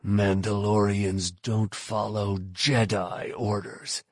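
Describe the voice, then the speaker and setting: A man voicing a curt, hardened male bounty hunter in an audiobook, husky and clipped. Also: lowish voice, level tone, slow pace, no room sound, studio quality. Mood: grim. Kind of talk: audiobook narration.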